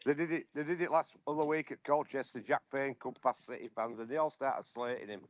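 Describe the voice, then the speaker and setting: A man giving blunt, halting football opinions over a remote call on a fan podcast. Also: mid-range voice. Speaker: podcast regular. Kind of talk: casual football chat.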